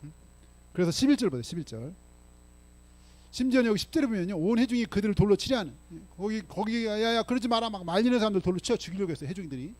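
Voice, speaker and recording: Speaking very fast in a high, lively voice with a darkish tone, a male pastor preaches in a church sanctuary with no room sound audible. His delivery is emphatic: he reads scripture forcefully and peppers the congregation with questions, often a rhetorical "응?" or "예?".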